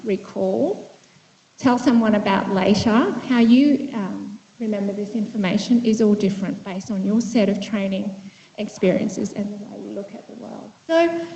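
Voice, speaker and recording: A woman's voice: mid-range voice, warm tone. Conversational woman psychiatrist in echoey hall. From Vietnam. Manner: thoughtful, conversational, with frequent fillers and restarts. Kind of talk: conference presentation. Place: lecture room. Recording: echoey hall, dull lo-fi sound.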